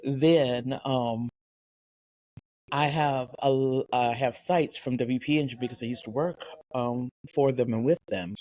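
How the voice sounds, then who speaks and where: A woman co-hosting a podcast, telling rambling, animated stories in casual chat. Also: a bass voice, measured pace, no echo, poor audio. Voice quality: animated, rambling storytelling with voiced asides. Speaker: podcast co-host.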